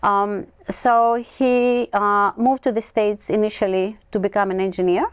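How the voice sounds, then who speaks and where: A woman's voice: mid-range voice, unhurried, clear, resonant tone, dry recording. A woman in her sixties from Greece with a Greek accent, a chatty guest telling stories in a studio interview. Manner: chatty, expressive storyteller. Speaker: guest, winery co-owner. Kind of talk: conversational interview.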